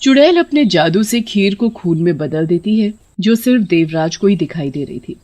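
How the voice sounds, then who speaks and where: A woman narrating a cartoon horror story in a steady, plain way. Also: fairly low pitch, normal speed.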